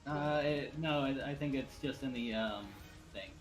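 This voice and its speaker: A man playing a tabletop game, chatting casually and haltingly about game mechanics. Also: medium pitch, soft background music, low-quality recording.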